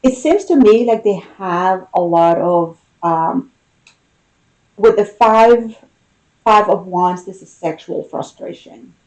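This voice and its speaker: A woman giving an unscripted, intimate tarot reading, pausing and thinking aloud as she talks to the listener. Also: medium pitch, a little mellow, low-quality recording. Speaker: tarot reader.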